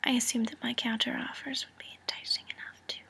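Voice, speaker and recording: A woman's voice: fairly high pitch, little pitch movement, fast, fairly bright tone, exaggerated voice. Woman playing a whispering mobster woman, friendly threat. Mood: veiled threat. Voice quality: breathy whisper. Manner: friendly threat, smooth and teasing menace. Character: cool, calculating woman mobster proposing a partnership. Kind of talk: whispered role-play.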